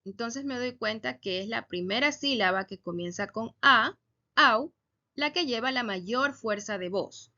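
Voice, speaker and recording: A woman teaching a Spanish grammar lesson, speaking slowly and deliberately and stressing each example word. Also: a little high, bright, forceful tone, dull audio.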